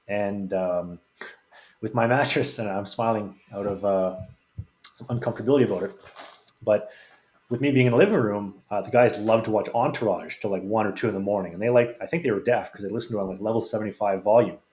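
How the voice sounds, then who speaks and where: As a podcast guest, a man rambles through frank anecdotes in a casual storytelling style, restarting often. His voice is lowish and a little mellow, his pace quick, and the recording has a roomy echo.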